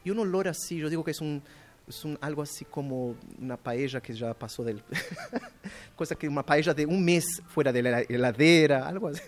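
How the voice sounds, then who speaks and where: Animated, halting male storyteller. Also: fairly high pitch, faint music behind. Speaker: guest children's book author. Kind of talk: radio interview storytelling. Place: radio studio.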